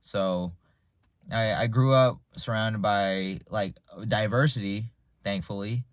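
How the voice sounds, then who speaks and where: This slow, lowish-voiced vlogger is an American-raised man in his twenties, musing through a loose, unscripted monologue full of restarts. The recording is dry and of studio quality.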